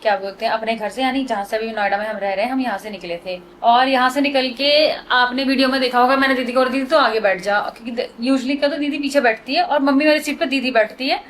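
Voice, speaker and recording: A woman's voice: on the high side, fast talker, few pauses, fairly bright tone, a little hiss or hum. A young woman from Uttarakhand, a vlogger, animatedly retelling a road accident to her viewers in casual storytelling.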